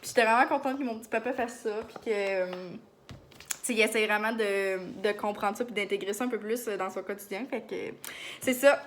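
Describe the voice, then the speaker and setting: A young woman with a Beauce Quebec accent chatting to camera in a fast, excited way, full of fillers. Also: mid-range voice, slight background noise. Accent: Beauce Quebec French. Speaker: vlogger. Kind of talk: casual chat to camera.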